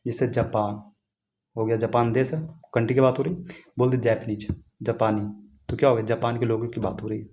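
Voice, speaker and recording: A man's voice: mid-range voice, level tone, fairly quick, warm tone, slight background noise. A man teaching English grammar in a casual classroom style, repeating points and checking that students follow. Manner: repetitive, asks students questions, writes on a board.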